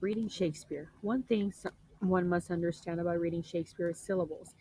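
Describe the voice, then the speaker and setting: A young woman presenting a literature lesson for a class, explaining step by step, rephrasing often and clearing her throat now and then. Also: fairly low pitch, steady tone, a little fast, dark tone, poor audio. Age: young adult. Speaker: student presenter.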